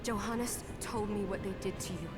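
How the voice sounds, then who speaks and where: A woman's voice: mid-range voice, moderate pace, lightly acted. An actress voicing an earnest young woman hero in a video game. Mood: pleading. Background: game music.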